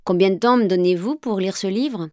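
A woman's voice: medium pitch, a little fast, darkish tone, no room sound, clean studio sound, close to an everyday voice. A woman voicing a sullen, scornful teenage boy who answers in curt, dismissive retorts.

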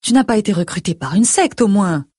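A woman voicing a worried middle-aged mother who fires off anxious, pleading questions in a breathy voice. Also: medium pitch, expressive, a little mellow, dry recording, studio quality. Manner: rapid stream of anxious questions.

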